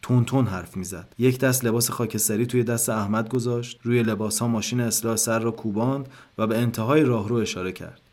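A man narrating a literary short story in a calm, measured way. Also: mid-range voice.

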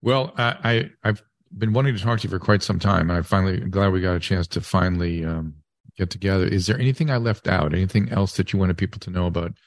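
A man hosting a casual interview, rambling and thinking aloud in a halting way. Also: deep voice, dry recording, soft background music. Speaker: podcast host and interviewer.

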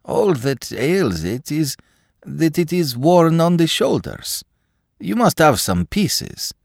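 A man voicing a timid middle-aged male clerk who pleads in halting, broken phrases. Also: a little high, sing-song, vocal fry, no room sound, studio quality, voice pushed up, heavily acted. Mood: pleading, flustered.

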